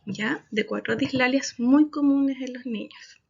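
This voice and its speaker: A woman's voice: sits high, unhurried, vocal fry, noisy background. A woman speech therapist, explaining to parents in a workshop and checking in often with short asides. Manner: explanatory, frequent "¿ya?" check-ins. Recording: dull lo-fi recording.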